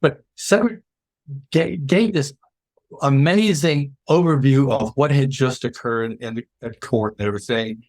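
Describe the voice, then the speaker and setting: An older man, a public relations veteran, telling stories in a casual interview with lively restarts. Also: mid-range voice, measured pace, no room sound. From United States. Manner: animated storyteller, many restarts.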